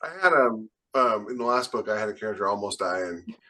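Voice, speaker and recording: A podcast co-host and fiction author speaks a little fast in a low, sharp-toned voice. During a casual panel chat about writing, he's emphatic and firm in his opinions.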